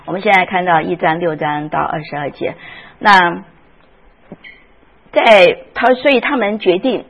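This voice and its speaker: A woman's voice: lowish voice, unhurried, dull audio. A woman teaching a Sunday school Bible class, often asking the class questions and retelling scenes with feeling.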